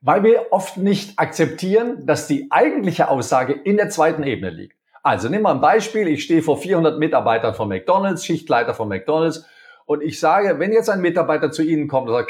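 Man, interview guest, lively pitch, acts out little dialogues. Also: brisk. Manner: animated, acts out quoted dialogue in different voices. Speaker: interview guest, communication speaker. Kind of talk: conversational interview.

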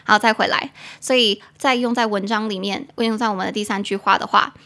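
A young woman, hosting a relaxed English-lesson podcast at a middle pitch. She chats along easily, then slows right down to spell out vocabulary letter by letter. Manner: chatty, spells words out slowly letter by letter. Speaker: podcast host teaching English.

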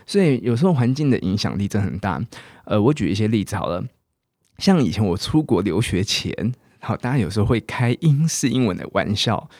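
A man with a Taiwanese Mandarin accent, hosting a casual podcast English lesson and coaxing listeners to repeat example words slowly. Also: lowish voice, a little mellow, no echo, clean studio sound. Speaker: English teacher and podcast host.

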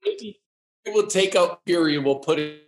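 A man's voice: high voice, normal speed. A man chatting casually on a video call, his audio glitching and dropping out from a poor connection. He talks in a loose, joking way and swears freely. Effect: glitching audio from an unstable internet connection. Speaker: jiu-jitsu enthusiast guest.

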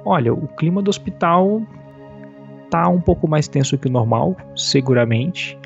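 A man in his thirties, an ICU doctor, explaining things in a measured way during an interview heard over a phone line. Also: a little high, animated, vocal fry, faint music behind. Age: 30s. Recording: dull, muffled phone call audio.

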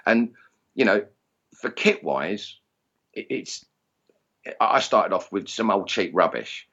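Deep-voiced, animated Essex man. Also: slow, lo-fi sound. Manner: self-deprecating, jokey. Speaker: interview guest, target shooting instructor. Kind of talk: casual chat.

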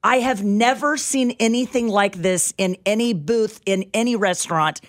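A middle-aged woman co-hosting a radio talk show, chatting casually and telling stories with lots of excitement. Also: moderate pace. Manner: animated, storytelling, jumps into high squeals when excited.

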